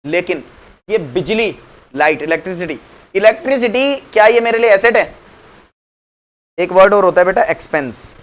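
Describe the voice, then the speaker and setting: This man teaches accounts in a conversational classroom style, his high voice animated and his pace moderate, with long pauses between thoughts. He often drops English phrases into Hindi, affectionately addresses students as "beta," and answers the questions he puts to them.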